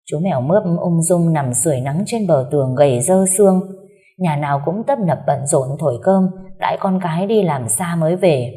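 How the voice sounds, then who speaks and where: A woman narrating a romance story aloud in a gentle, steady storytelling manner. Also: low-pitched, moderate pace.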